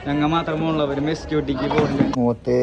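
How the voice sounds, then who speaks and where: A man from Kerala vlogs outdoors at a student service camp, surrounded by a crowd of students, chatting casually to the camera in a playful, jokey way and constantly calling out to his viewers. His voice is on the high side with fairly even intonation and a very fast pace, and the outdoor phone audio sounds dull, with crowd chatter behind him.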